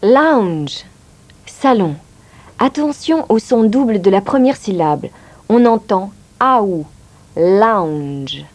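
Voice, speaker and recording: A woman's voice: fairly high pitch, animated, slow. A woman teaching English in a scripted lesson, carefully explaining pronunciation. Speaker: language teacher.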